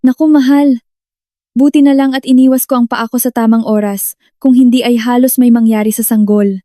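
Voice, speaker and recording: A woman's voice: fairly high pitch, steady tone, moderate pace, dark tone, no echo, clean studio sound, lightly acted. A woman voicing a sly pregnant young mistress who coos in a fake-innocent way. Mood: fake sweet.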